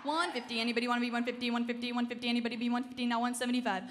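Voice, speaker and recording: A teenage young woman calling bids in a fast, repetitive, rolling auctioneer chant on a ballroom stage. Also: a little high, little pitch movement. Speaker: junior auctioneer contestant. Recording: hall reverb, noisy ballroom stage.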